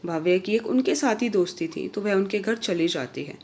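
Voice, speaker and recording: A woman's voice: normal speed, a little mellow. Woman narrating a family story. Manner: voices each character's lines with raised pitch and volume. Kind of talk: scripted story narration with acted dialogue.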